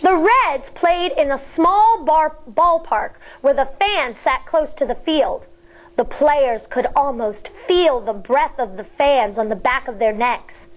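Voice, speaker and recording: The sound is a bit dull and lo-fi as a woman with a high voice reads a children's story, pausing for teaching asides. She talks like an elementary school teacher addressing young kids, expressive and deliberate, shaping her words for storytelling and explanation.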